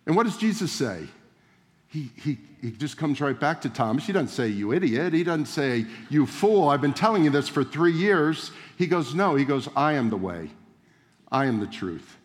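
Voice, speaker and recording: A male pastor preaching a sermon in a conversational way, with rhetorical questions and direct address to the congregation. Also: mid-range voice. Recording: long reverb of a large hall.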